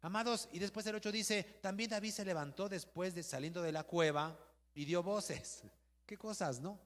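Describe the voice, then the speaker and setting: A man with a Mexican accent, a pastor giving a lively sermon and asking the congregation questions. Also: high-pitched, normal speed. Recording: long hall reverb.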